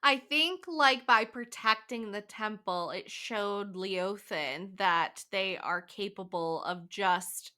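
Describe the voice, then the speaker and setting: Bright chatty woman cohost, does little voices for the characters while recapping. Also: mid-range voice. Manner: chatty, acts out characters' lines in quick asides. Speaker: podcast co-host. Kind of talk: casual book club chat.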